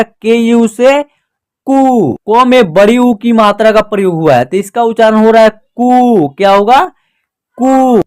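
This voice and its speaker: A patient teacher explaining step by step in a clear, smooth voice of medium pitch. The teacher keeps posing little questions aloud and answering them at once, repeating each point so it sticks. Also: a little mellow. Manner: slow, patient and repetitive explaining. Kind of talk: spoken classroom lesson.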